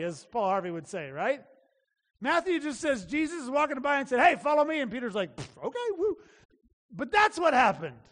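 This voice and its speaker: Male preacher, very high voice, chatty emphatic sermon, long echoing hall. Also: fairly bright tone. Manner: conversational preaching, emphatic repetition. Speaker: pastor.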